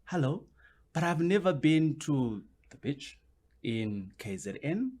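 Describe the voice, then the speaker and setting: A man's voice: fairly high pitch, very animated, takes it slowly, a little mellow. A man, a guest on a podcast interview, explaining his points at length and often circling back with "which basically means".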